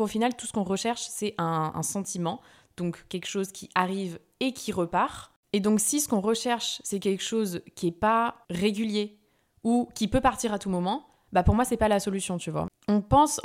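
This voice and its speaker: A young woman hosting a casual self-help podcast, talking informally with many fillers and restarts. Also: medium pitch. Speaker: podcast host.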